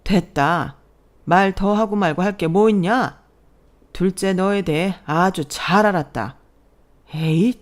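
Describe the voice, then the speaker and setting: A woman voicing a stern, commanding old father-in-law with a gruff manner. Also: lowish voice, takes it slowly.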